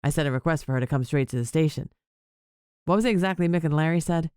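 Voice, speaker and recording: A woman voicing an earnest, gentle male police boss who hesitates and trails off. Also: low voice, clean tone, no echo, clean studio sound, lightly acted. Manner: halting, trails off.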